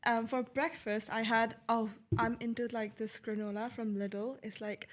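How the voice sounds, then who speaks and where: A woman's voice: on the high side, little pitch movement. Chatty young woman from Nepal. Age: young adult. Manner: chatty, many "like" and "um" fillers, quick to laugh. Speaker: guest, international law student. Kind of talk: casual podcast chat.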